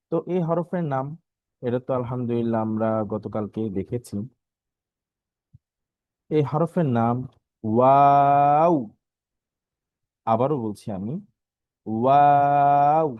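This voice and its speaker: A man teaching an online Quran recitation lesson, patiently repeating each letter sound slowly and pausing often with filler sounds. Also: mid-range voice, no room sound, muffled recording. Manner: halting, with many filler sounds.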